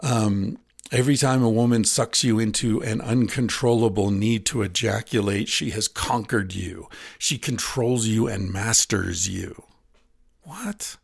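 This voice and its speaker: A man's voice: on the low side, measured pace, gravelly, husky, no room sound, clean studio sound. A man talking frankly and earnestly in a casual critique of a book, now and then swearing. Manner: frank, earnest, profane at times.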